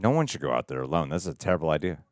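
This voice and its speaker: A man's voice: extremely low pitch, animated, rapid-fire, music in the background. A man hosting a reaction video, talking casually with dry, wry asides. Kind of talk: casual commentary and sponsor read.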